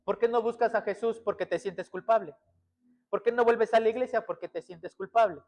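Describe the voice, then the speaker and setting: A pastor delivers a sermon in a strikingly high voice. He fires rhetorical questions at the congregation and answers them himself. His delivery swings between loud, urgent emphasis and quiet, close passages. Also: fairly even intonation, fairly quick.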